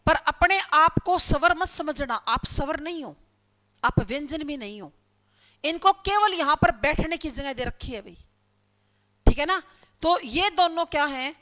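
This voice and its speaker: A woman teacher delivers a lecture with a high voice. Her tone is bright and clear. She explains each point step by step, often posing a question and then answering it herself. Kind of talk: classroom lecture.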